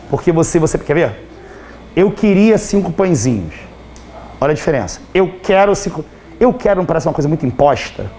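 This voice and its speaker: A slightly hoarse Brazilian man teaching a grammar class in a fairly high voice, chatty and teasing. He keeps asking his students whether they followed, with a faint hiss of noise behind him. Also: darkish tone. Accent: Brazilian Portuguese. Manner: chatty, teasing, constantly checks understanding. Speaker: Portuguese teacher. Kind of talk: live online class.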